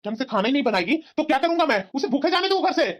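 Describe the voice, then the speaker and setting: A woman voicing a stern cartoon father, gruff and fast. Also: high voice, animated. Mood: scolding. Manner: gruff, scolding. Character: stern middle-aged father who spoils his daughter. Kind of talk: cartoon voice acting. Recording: muffled lo-fi.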